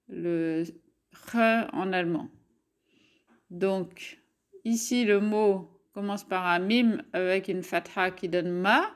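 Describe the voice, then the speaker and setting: Slow, patient woman teaching letters. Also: medium pitch. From France. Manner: slow, patient, spells out sounds. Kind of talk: Arabic alphabet lesson.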